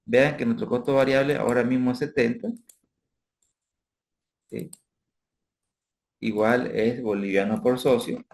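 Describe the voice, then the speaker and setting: A man's voice: mid-range voice, steady tone, a little slow, creaky, long pauses, darkish tone. A man giving a recorded finance class over a spreadsheet, explaining step by step and checking in with his students with frequent tag questions. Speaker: instructor. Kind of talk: spreadsheet tutorial lecture.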